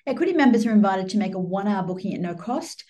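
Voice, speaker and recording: A woman's voice: medium pitch, lively intonation, fast, dark tone. A woman hosting an online event and giving housekeeping announcements in a semi-formal way.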